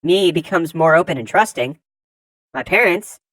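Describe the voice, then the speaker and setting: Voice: medium pitch, lively intonation, moderate pace, a bit bright, dry recording, poor audio. Dry, close-miked narrator reading forum posts. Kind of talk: scripted narration.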